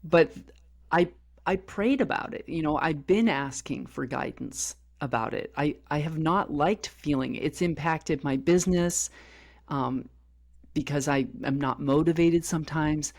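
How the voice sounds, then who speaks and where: A woman's voice: sits low, measured pace, gravelly, darkish tone. A middle-aged woman co-hosting a podcast, speaking openly and personally, and often acting out bits of dialogue as she tells her stories. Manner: open, personal storytelling with frequent reenacted dialogue. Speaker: podcast co-host. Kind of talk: candid podcast conversation.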